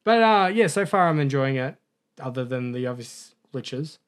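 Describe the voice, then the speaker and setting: Animated and clear, with a resonant medium-pitched voice at a moderate pace, a gaming podcast co-host spins a casual, rambling tale. He keeps correcting himself and laughing at his own mishaps.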